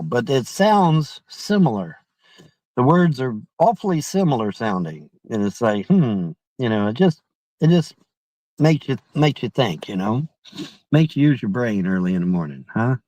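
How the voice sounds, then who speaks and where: Middle aged guy just rambling to his chat, mellow voice, really dry close sound, repeats himself. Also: mid-range voice, sing-song, moderate pace, no echo, low-quality recording. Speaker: livestreamer reading and answering viewer chat. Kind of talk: rambling casual livestream chat. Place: inside a car.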